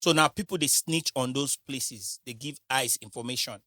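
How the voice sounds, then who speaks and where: A man's voice: mid-range voice, moderate pace, sharp tone, no echo. A man in a casual studio podcast chat, emphatic and repeating phrases to drive his point home.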